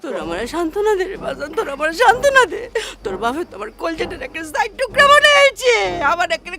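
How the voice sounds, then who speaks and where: A grieving mother pleads for comfort, as a woman acts her out. Her voice is very high and swoops widely as she wails. A crowd murmurs clearly in the background. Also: big pitch swings, fast talker. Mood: pleading. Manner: wailing, pleading. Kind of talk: comedy skit acting.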